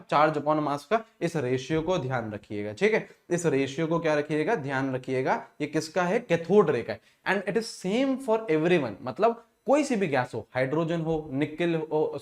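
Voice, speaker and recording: A man with an Indian accent teaching exam chemistry, who asks questions and answers them himself and calls students "beta". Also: a little high. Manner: calls listeners beta, repeats key points. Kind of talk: exam revision lecture.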